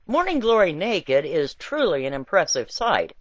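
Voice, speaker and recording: A woman gives an expressive, theatrical reading of a satirical essay, playful like a storyteller. Her fairly low voice has big pitch swings at normal speed. The lo-fi home recording sounds dull but has no echo.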